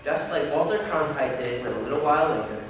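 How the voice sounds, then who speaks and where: A young man playing an earnest male high school senior, giving a solemn, rousing stage speech. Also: a little fast, close to an everyday voice. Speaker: student actor. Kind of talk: stage play speech to a class. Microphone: distant room mic. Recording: echoey hall from far off, noisy.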